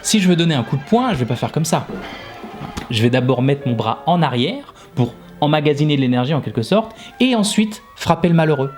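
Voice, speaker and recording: A man's voice: a little high, expressive, a little fast, a little mellow, faint music behind. A man hosting an animation lesson, explaining things in a casual, informal way and often adding little tag words. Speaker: animation teacher and video host.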